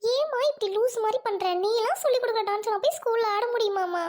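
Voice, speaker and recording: A woman's voice: extremely high pitch, fast, darkish tone, pitched above the performer's own voice. A woman voicing a sulky teenage daughter who whines and complains to her mother, in a comic family skit. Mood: whiny. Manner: whining and complaining. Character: teenage schoolgirl, whiny and sulky elder daughter.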